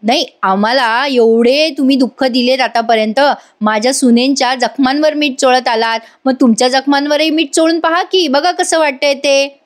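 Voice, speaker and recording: A woman's voice: high voice, normal speed, hardly any pauses, close to an everyday voice. A woman doing a bossy, mocking head of the house. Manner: scolding, sarcastic.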